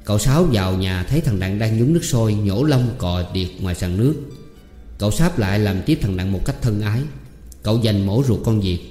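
A man narrating a storybook in a steady, measured reading. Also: fairly low pitch. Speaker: audiobook narrator. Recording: echoey room, long reverb, soft music.

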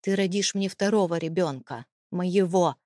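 Brief: woman playing a contemptuous, controlling husband, low and cold, dry close read. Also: normal speed, a little mellow, dry recording, natural voice. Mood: cold menace. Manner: mocking, icy, menacing. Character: cold, contemptuous, domineering husband, adult man. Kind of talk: audiobook character reading.

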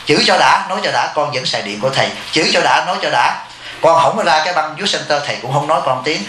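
A man giving a blunt, informal dharma talk to his disciples in a quick, rapid-fire delivery, his voice a little high and very bright. He speaks as a Buddhist abbot, calling himself their teacher. The recording sounds echoey, with a faint hum of noise behind him. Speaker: Buddhist monk and temple abbot.

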